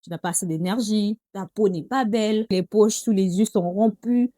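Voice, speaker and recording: A young woman with a Congolese French accent chats casually to camera in a vlog, often addressing her viewers as "girls." Her voice sits in the mid range with a dark tone and a moderate pace. The recording is studio quality with no room sound.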